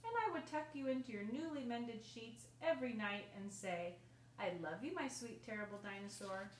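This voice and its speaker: A woman's voice: on the high side, normal speed, lightly acted. A woman voicing a loving, patient storybook mother with a tender, singsong, reassuring manner. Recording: roomy, distant mic, faint noise.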